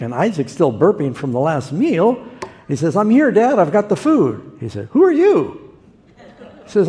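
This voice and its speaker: A man preaching a sermon, retelling a story with lively acted-out voices. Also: mid-range voice. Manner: animated, acts out quoted voices. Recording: long hall reverb.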